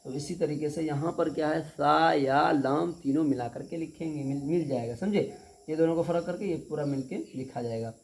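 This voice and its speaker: A man with a gravelly, somewhat mellow voice on the high side teaches a Quran reading lesson step by step. Patient and repetitive, he goes over each point again, keeps asking whether the students understood, and slowly stretches out syllables when demonstrating.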